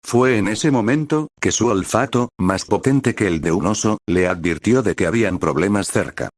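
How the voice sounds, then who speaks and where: A man narrating a fantasy adventure story in a steady, measured reading. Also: on the low side, dry recording.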